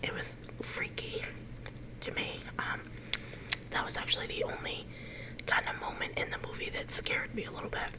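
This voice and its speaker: A middle-aged woman leaning in to whisper a casual, unhurried ASMR chat, her whisper a little growly at times. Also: rough recording. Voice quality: whisper that turns slightly growly. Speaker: ASMR video creator.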